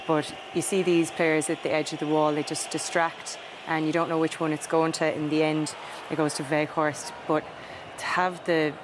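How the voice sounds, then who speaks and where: Flat-toned young woman football pundit. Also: low voice, normal speed. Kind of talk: studio match analysis. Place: large TV studio set. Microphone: lapel. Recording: TV studio with background noise.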